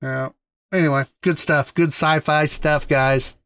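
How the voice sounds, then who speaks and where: A man's voice: on the high side, steady tone, measured pace, a bit bright, clean tone. A man co-hosting a gaming podcast in casual chat, easygoing, repeating words and laughing often. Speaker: podcast co-host.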